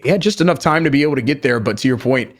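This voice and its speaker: A man giving live esports commentary and analysis as a caster, in measured, halting phrases. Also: mid-range voice, expressive.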